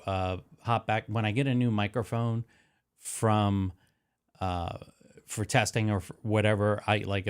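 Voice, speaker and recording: Talking casually into a close dynamic broadcast microphone, this streaming tech host demonstrates audio equipment in his studio. His nasal voice is fairly low and smooth, and he rambles, self-corrects, and fills his speech with fillers and restarts.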